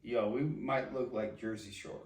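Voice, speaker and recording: A man's voice: mid-range voice, unhurried, a little mellow. A young man co-hosting a podcast, bantering casually in a crude, rambling, jokey way. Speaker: podcast co-host. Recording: echoey room, distant from the mic.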